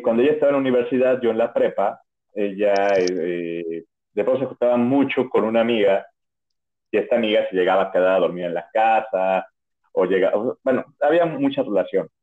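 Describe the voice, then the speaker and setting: Mexican man rambling through a story. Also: mid-range voice. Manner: chatty, rambling, full of "o sea" and restarts. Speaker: podcast host. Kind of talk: casual storytelling. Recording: narrow phone-like audio.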